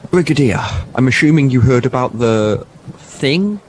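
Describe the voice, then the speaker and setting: A man's voice: medium pitch, lively intonation, measured pace, slight background noise, close to an everyday voice. A man playing a matter-of-fact army captain reporting in an audio drama.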